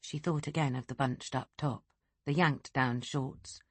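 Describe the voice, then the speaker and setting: A woman narrating a thriller audiobook in a steady, unhurried way. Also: extremely low pitch, husky, no echo. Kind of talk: scripted narration.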